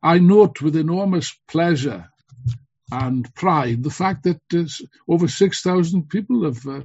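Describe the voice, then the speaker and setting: A man's voice: fairly high pitch, unhurried, darkish tone, husky, lo-fi sound. A man giving a fiery revolutionary political speech, emphatic, with rhetorical questions and phrases repeated for weight. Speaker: political speaker at an online school.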